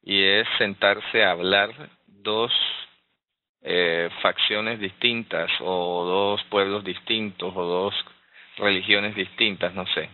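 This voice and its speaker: A man's voice: deep voice, fairly even intonation, slow. Man teaching scripture over a tinny line. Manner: explanatory, frequent rhetorical "¿verdad?" and "eh" fillers. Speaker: Bible teacher. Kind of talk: Bible study teaching.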